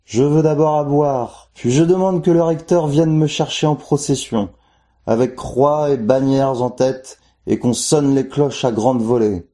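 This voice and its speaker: A man's voice: medium pitch, unhurried, mellow, pitched above the performer's own voice, natural voice. A man voicing a sly, thirsty male voice calling up from a well in a spoken folk tale. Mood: sly demanding.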